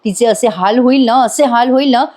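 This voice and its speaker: A spiteful scheming young villainess muttering bitter threats, read by a woman recapping a serial. Her voice is fairly high and full of resentment. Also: normal speed, dark tone, lightly acted. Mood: vengeful.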